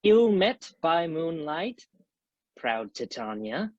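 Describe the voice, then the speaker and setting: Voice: mid-range voice, sing-song, slow, a little mellow, no room sound, lo-fi sound. An actor playing a jealous, imperious fairy king in declamatory Shakespearean stage style. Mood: commanding.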